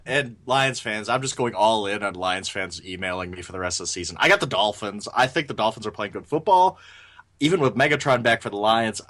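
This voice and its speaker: A man with a fairly low voice talks sports on a casual podcast. His intonation moves up and down with a lot of life. He trips over his words and restarts often, keeping a loose, opinionated tone. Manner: animated, stammering restarts. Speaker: podcast co-host.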